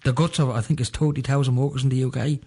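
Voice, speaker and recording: A rapid-fire Dublin man hosting a radio chat show, rambling along conversationally with plenty of fillers. His voice sits in an ordinary middle pitch. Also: fairly even intonation, a little mellow, slightly rough. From Ireland.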